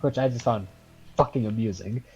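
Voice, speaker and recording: A man's voice: on the low side, fairly quick, a little mellow, lo-fi sound, soft background music. A young man in his late teens with a Scouse accent, casually telling a rambling story on a podcast, swearing often. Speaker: podcast host.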